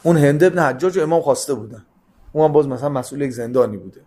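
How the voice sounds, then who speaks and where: A man giving a religious talk. He reads out classical Arabic lines and then retells them in relaxed, colloquial speech, jumping between loud, stressed phrases and soft, quick asides. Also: mid-range voice. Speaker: religious lecturer. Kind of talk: sermon-style hadith storytelling.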